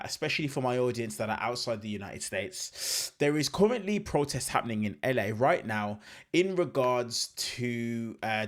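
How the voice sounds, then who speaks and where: A man's voice: medium pitch, a bit bright. A man hosting a commentary channel, explaining political context casually and stressing his points.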